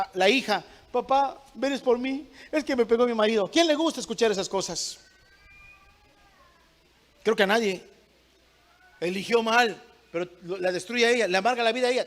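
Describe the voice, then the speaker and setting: A man's voice: high-pitched, fairly bright tone. A man preaching a sermon to a congregation, emphatic, often asking questions and waiting for the answer.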